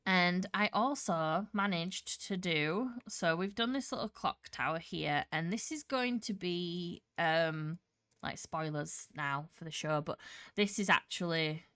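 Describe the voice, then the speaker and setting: Congested woman streamer, low voice. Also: measured pace, fairly bright tone, clean tone, no room sound, clean studio sound. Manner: chatty and rambling, with many "like"s and restarts. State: congested nose and a slight cough. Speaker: Minecraft streamer. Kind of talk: casual live-stream commentary while building.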